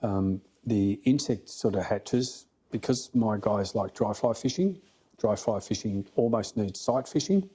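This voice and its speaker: Low, mellow Australian man, plain-spoken and blokey. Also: lively intonation, a little slow, husky. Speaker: fly fishing guide, interview guest. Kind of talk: casual podcast storytelling.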